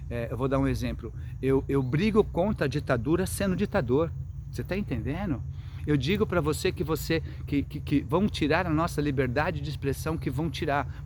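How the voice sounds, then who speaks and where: A man with a Brazilian Portuguese accent talks straight to his viewers in a long monologue about raising children. His voice sits a little high for a man, and he drives each point home by asking whether you are following. Faint background noise runs under him. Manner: emphatic, keeps asking the listener if they understand. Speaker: spiritual speaker on parenting.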